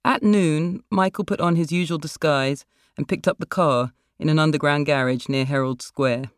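A woman with a low voice reads her own literary short story in a narrative style, keeping her intonation fairly even and her pace moderate. The recording is very dry, with almost no room sound.

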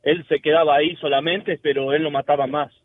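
A man's voice: a little high, fairly even intonation, fairly quick, dry recording. A man from Uruguay, calling in to a radio show and telling a rambling story with frequent restarts. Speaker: caller. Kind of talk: casual call-in storytelling. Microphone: telephone. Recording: tinny phone line.

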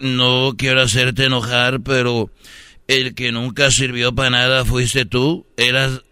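A man with a Mexican accent trading teasing, deadpan jabs in comedy sketch banter. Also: mid-range voice, a little slow, clean tone, dry recording, clean studio sound.

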